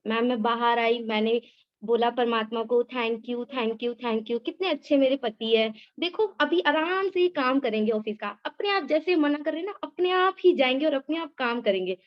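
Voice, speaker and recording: High voiced woman rattling on nonstop, dull muffled zoom audio. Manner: talks nonstop, addressing the host as ma'am. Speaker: participant sharing her experience. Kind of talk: excited personal testimony on a video call. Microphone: video call.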